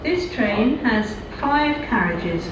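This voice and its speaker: Slow woman on a station loudspeaker. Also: on the high side. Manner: measured, even announcer delivery. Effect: station loudspeaker announcement. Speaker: station announcer. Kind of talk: recorded train station announcements. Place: railway station platform. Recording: echoey loudspeaker heard from far off, loud station noise. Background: trains and station ambience.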